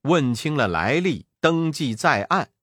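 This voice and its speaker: A man narrating a children's story in a lively, expressive way. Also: on the high side, unhurried, no room sound, clean studio sound.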